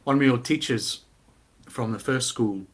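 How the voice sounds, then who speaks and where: Speaking at a normal speed in a mid-range voice, this middle-aged Newcastle man has a strong Geordie accent. He's relaxed and opinionated, throwing in rhetorical questions. His storytelling is lively, full of acted-out quotes.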